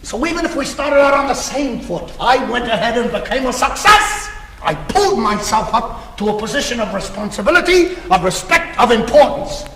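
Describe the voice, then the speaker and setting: A man's voice: very high voice, expressive, normal speed. Show-off businessman who brags in lists, stage comedy, hall reverb, faint hum. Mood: boastful. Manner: bragging, theatrical, piles up lists. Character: boastful, self-made businessman, competitive. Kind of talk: stage comedy cast recording. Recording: echoey theater with long reverb.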